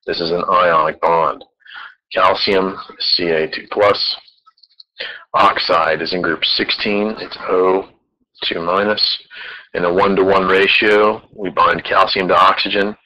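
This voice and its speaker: Deep bright-toned guy teaching chem, patient step by step, kinda muffled lo-fi sound. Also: steady tone, measured pace. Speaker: chemistry teacher. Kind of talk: recorded classroom lecture.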